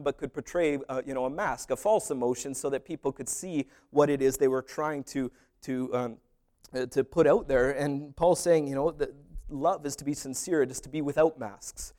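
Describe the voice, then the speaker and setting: A man with a slightly high voice preaches briskly as pastor, animated throughout, adding funny asides and acting out brief conversations.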